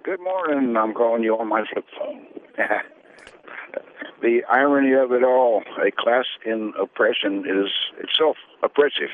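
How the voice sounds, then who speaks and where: A man's voice: mid-range voice, a little slow. A male caller on a radio talk show, speaking over an old flip phone call and making a brief, dry remark. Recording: tinny flip phone line with faint hiss.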